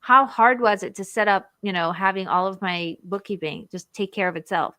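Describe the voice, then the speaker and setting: A woman hosts a casual live interview with a bright, forward voice. She talks in an animated way and slips into little acted inner voices. The sound is dry and close. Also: medium pitch, normal speed, no echo. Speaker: show host, marriage coach.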